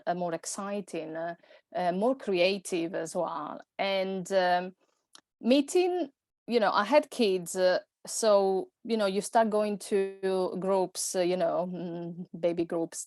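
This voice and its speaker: A woman in her forties from Italy, a personal stylist appearing as a podcast guest, tells her story in an Italian accent, using many fillers and restarts. Her voice is medium-pitched and a little mellow, captured in a clean, dry studio recording.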